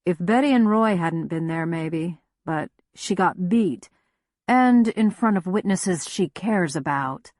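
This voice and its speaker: Woman voicing a subdued, wry male investigator, low-pitched. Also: animated, slow, a little mellow, no echo, clean studio sound. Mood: grim, knowing. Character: wry, grim-edged male private investigator. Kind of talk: audiobook character dialogue in a cozy mystery.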